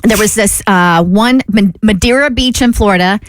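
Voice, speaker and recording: A woman's voice: mid-range voice, moderate pace, slight background noise. A woman co-hosting a radio talk show, chatting casually and telling stories with easy laughs into a studio mic. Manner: chatty, storytelling, laughs easily. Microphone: studio microphone.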